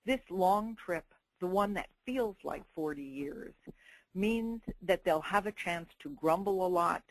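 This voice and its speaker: A woman's voice: on the low side, a little slow, no echo, low-quality recording. Wry middle-aged woman giving a sermon. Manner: wry, expressive, with dramatic quoted voices. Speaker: speaker giving a Torah talk. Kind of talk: sermon-style talk.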